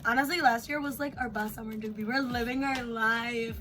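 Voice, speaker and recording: With a high, sharp-toned voice and fairly level intonation, the young woman talks fairly quickly as she hosts a relaxed mukbang. She flips between English and Spanish in her twenties-style chat, with slight background noise.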